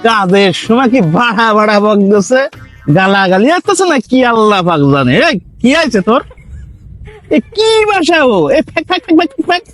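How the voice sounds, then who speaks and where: Comedy sketch local worker, acted by a man: foul-mouthed grumbler, Bangladeshi accent, very lively high pitch. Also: brisk, soft background music, exaggerated voice. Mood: irritated. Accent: colloquial Bangladeshi Bengali. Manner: grumbling, coarse, mocking. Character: irritable, foul-mouthed male local labourer, mocking.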